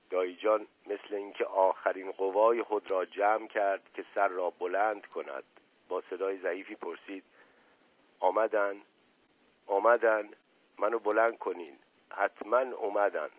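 Low-voiced man reading a novel aloud. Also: fairly bright tone, rough recording. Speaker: narrator.

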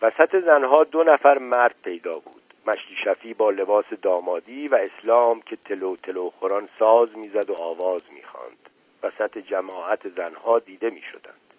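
A man reads a story aloud in a steady, measured way. His voice is low and husky. The recording is dry and tinny, like a phone line. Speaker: narrator. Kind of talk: story reading.

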